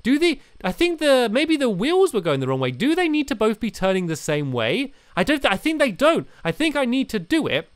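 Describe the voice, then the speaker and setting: Young British man, casual gameplay commentary, smooth clear voice, lively pitch. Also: brisk, few pauses, dry recording. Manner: chatty, excitable, many fillers and restarts. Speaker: gaming video creator.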